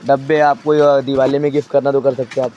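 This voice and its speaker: A man showing stock in a crowded wholesale storeroom, briskly listing items and prices and telling a helper what to hold up. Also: medium pitch, level tone, dark tone, highs cut off, a little hiss or hum. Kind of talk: walk-through product showcase.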